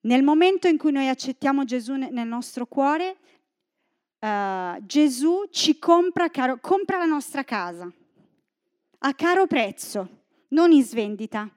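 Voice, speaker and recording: A woman from northern Italy, with a high and unhurried voice, preaches a sermon in a church. She reads from scripture and keeps up lively, joking asides with the congregation.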